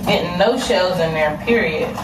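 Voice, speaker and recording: A woman in her twenties, voice on the low side and pace moderate, talks directly to her viewers in a chatty cook-along from her own kitchen. She's a cooking vlogger filmed from across the room, and the distant mic gives an echoey, noisy sound with pots and dishes clattering throughout.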